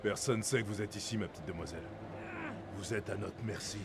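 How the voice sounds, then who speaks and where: An actor playing a cold, controlling male kidnapper with a gravelly voice in a video game. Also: lowish voice, a little fast, noisy background, natural voice. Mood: cold threat.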